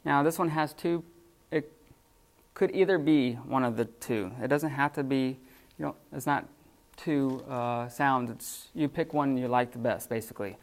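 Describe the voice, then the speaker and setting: Gravelly man teaching a class. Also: mid-range voice. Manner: halting, many fillers and restarts. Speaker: Greek teacher. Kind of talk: unscripted classroom lesson.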